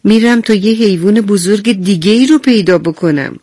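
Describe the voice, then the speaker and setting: A woman's voice: medium pitch, mellow, dry recording, studio quality, pitched above the performer's own voice, natural voice. A woman voicing a playful, curious little frog in a children's radio story, asking eager questions.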